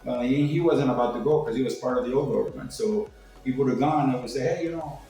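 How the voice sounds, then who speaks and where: Fast and dark-toned, this older man's mid-range voice carries rambling, salty stories from his own life in Cuba, complete with acted-out dialogue. The talk is casual and anecdotal. The room is echoey, the microphone distant, and there's faint music.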